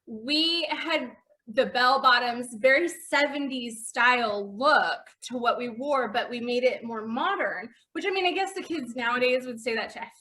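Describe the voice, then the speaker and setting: A woman in her forties chats casually as co-host. Her voice is high and bright. She tells self-deprecating stories and giggles through them. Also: moderate pace, low-quality recording. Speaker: podcast co-host. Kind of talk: casual chat.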